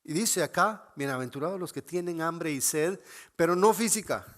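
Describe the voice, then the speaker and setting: A man's voice: a little high, animated, normal speed, a bit bright. A man preaching a sermon in an earnest, emphatic way, repeating phrases and restarting words as he explains. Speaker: pastor.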